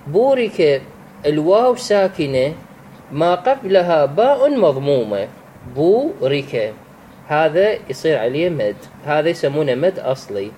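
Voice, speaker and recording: A man teaching Quran recitation rules, patient, repeating words and examples with halting restarts. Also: on the high side, expressive, darkish tone, a little hiss or hum, rough recording. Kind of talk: explaining tajweed rules.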